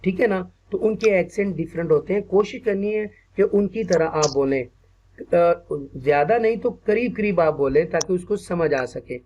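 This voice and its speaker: A man with a Pakistani accent giving an online teacher-training lecture, patiently repeating words slowly and checking in often with his listeners. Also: high-pitched, a little mellow, highs cut off, slight background noise. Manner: mixes English phrases into speech, asks "ठीक है ना" often.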